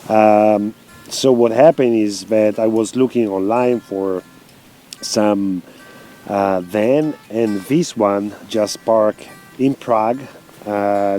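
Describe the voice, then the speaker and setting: Slow, mellow Italian-accented man. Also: lowish voice, steady tone, soft background music. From Italy. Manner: halting, simple non-native English with many fillers. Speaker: interviewed traveler. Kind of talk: casual interview.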